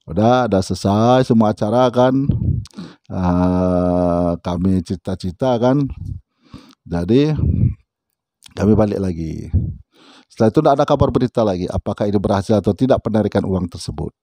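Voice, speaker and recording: A man's voice: on the low side, normal speed, pauses often, warm tone, dry recording, studio quality. A man casually telling a personal story, speaking conversationally and often turning to the listener with little asides. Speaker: storyteller recounting a personal experience.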